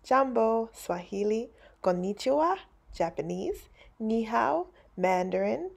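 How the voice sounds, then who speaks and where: A woman reads a children's picture book aloud at an unhurried pace. Her voice rises and falls a great deal, with a touch of gravelly fry at the ends of phrases, and she turns greetings into playful high little voices. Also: expressive, a little mellow. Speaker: teacher reading aloud.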